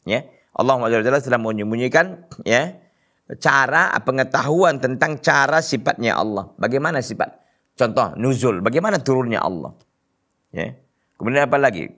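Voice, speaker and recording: With a mid-range, creaky, slightly bright voice, a man with a North Sumatran Indonesian accent teaches an Islamic study session. As a religious teacher, he recites phrases in Arabic, translates them, and poses rhetorical questions.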